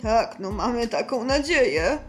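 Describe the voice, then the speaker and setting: A steady male doctor who calms worried patients, as a woman puts him on. The voice is pushed well down from her own high pitch and stays slow and soothing. Light music hums faintly in the background. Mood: calm, reassuring. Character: calm reassuring male hospital doctor.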